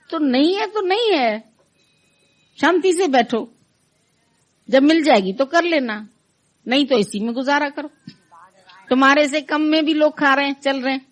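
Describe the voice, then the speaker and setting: High-voiced woman giving a spiritual talk. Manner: conversational, acts out listeners' complaints in quoted voices. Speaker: spiritual teacher. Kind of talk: devotional satsang talk.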